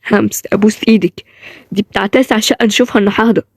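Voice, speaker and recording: A woman with an Egyptian Arabic accent voicing a weary, sarcastic young woman in an amateur audio drama, grumbling fast. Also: mid-range voice, fairly even intonation, slightly rough, no room sound, studio quality.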